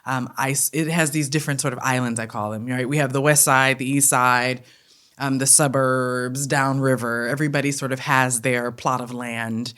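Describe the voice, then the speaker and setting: A theatre company head from Detroit, Michigan, speaks with a Detroit accent in a very deep, slightly bright voice, keeping a steady tone at normal speed. As a guest in a casual interview, she talks earnestly and fluidly, often checking in with "right?".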